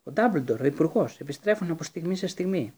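A frightened teenage schoolgirl from an audiobook pleads in a tight, hushed, urgent voice, as a male narrator puts her on. Her voice sits high and has a husky edge. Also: expressive. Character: scared teenage girl, a quick-witted schoolgirl.

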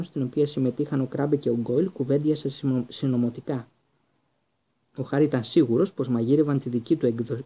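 A man's voice: medium pitch, dark tone, husky. A man narrating an audiobook steadily, with occasional stumbles.

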